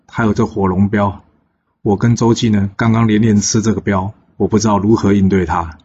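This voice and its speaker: A man's voice: on the low side, steady tone, a little fast, darkish tone, husky, dull audio. A man doing a grieving old-school general. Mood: sorrowful. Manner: heavy, sorrowful. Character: grieving middle-aged male warrior general.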